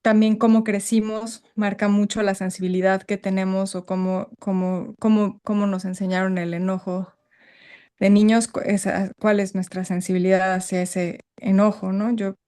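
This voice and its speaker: A woman's voice: mid-range voice, little pitch movement, moderate pace, dark tone. A woman sharing her experiences on a group video call. She is emotionally stirred and searches for words as she speaks, frank and reflective. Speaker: workshop participant. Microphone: video call microphone.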